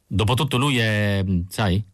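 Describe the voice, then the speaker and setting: A man voicing a sharp, brusque female android who speaks in a cutting way. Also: lowish voice, measured pace, no room sound, studio quality, lightly acted.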